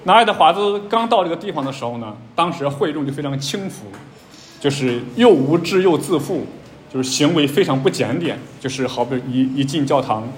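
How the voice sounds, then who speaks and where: Man preaching with frequent pauses. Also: a little high, lively intonation, slight background noise. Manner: many fillers, rising emphasis on key points. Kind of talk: teaching sermon.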